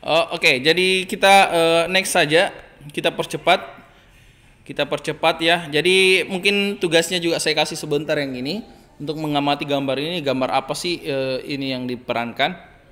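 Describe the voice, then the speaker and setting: A male primary school teacher giving a recorded online lesson, hesitant with many fillers and gently admonishing. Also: on the high side, steady tone, moderate pace.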